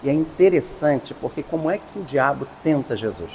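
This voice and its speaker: A man, a priest, teaching a class, explaining slowly and stressing each term. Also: medium pitch, expressive, a little mellow, big-room sound, a little hiss or hum. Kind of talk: lecture.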